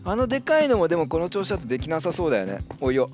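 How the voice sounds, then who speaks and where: A man hosting a casual gameplay commentary, reacting out loud and yelping when startled. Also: fairly high pitch, very fast, faint music behind. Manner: excitable, yelps and laughs when startled. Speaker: Minecraft let's-play host.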